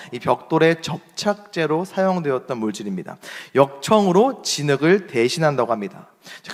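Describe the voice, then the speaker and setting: A young man preaching as a pastor, speaking standard Seoul Korean as an animated storyteller. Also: a little high. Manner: animated storyteller acting out shouted quotes. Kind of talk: sermon with storytelling. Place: church hall. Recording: long reverb of a church hall.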